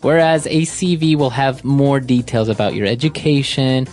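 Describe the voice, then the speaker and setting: A man's voice: mid-range voice, steady tone, normal speed, a little mellow, faint music behind. A man from Ecuador co-hosting an English lesson podcast, talking in a friendly, conversational way. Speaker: English teacher co-host.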